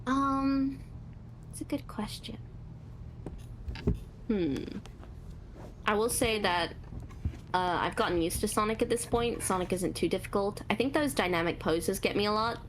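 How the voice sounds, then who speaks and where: Speaking as an interview guest, a woman whose voice is naturally high discusses voice acting and her art in a casual Q&A. She's relaxed yet halting, with many fillers and pauses, and she laughs at herself. A little hiss or hum sits under the audio.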